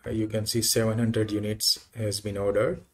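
A man giving an unhurried screen-recorded software walkthrough, thinking aloud with frequent fillers. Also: lowish voice, flat delivery. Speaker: software tutorial presenter.

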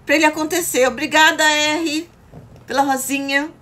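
A woman's voice: sits high, steady tone, normal speed, fairly bright tone. A woman hosting a live stream, effusively thanking viewers for gifts and chatting casually.

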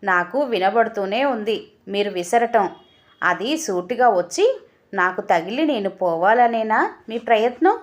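A woman's voice: mid-range voice, a little slow, close to an everyday voice. A woman voicing a coaxing, innocently teasing wife in an audio story. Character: sweet-talking, teasing young wife.

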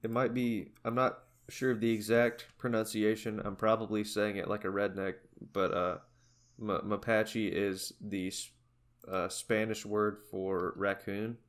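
A man's voice: fairly low pitch, unhurried. A young man co-hosting a podcast, chatting casually about records and bands with lots of fillers. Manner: rambling, relaxed, many fillers. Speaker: podcast co-host. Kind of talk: casual chat.

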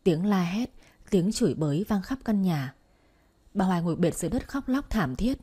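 A woman narrating a bedtime story in a calm, even storytelling manner. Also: on the low side, moderate pace, husky.

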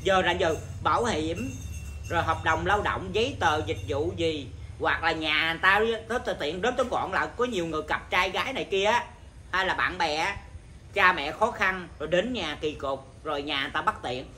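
A Buddhist monk teacher giving an informal dharma talk, blunt and scolding, with a naturally loud voice. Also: male voice, fairly high pitch, moderate pace, slight background noise.

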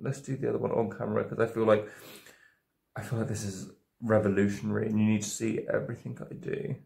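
A man's voice: fairly low pitch, level tone, fast, gravelly, darkish tone. A man in his twenties, drunk on wine, chatting casually to camera through a tutorial, rambling, doubting himself and losing his thread. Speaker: makeup video creator. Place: indoor home studio with dark backdrop, roomy. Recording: roomy, echoing indoor sound.

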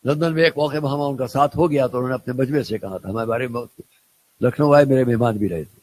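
A man's voice: mid-range voice, fast, darkish tone. An older man from India, a Shia cleric and scholar, tells anecdotes in a religious lecture and repeats phrases for emphasis.

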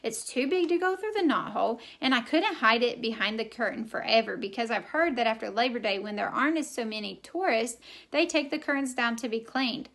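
Woman reading as an excited little boy mouse, bit higher voice, eager storybook talk. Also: brisk, vocal fry.

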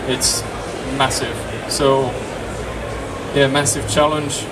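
A mid-range voice with little pitch movement belongs to a Frenchman in his thirties, a game designer who talks slowly, casually, and cheerfully to an audience, repeating words. He is in a small dark convention room, recorded by a distant camera mic with lots of room noise.

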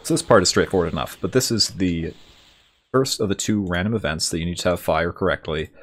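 Deep husky man narrating a game. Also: fairly quick. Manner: relaxed, reads narration at an even clip. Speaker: let's play host. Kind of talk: game commentary and reading story text aloud.

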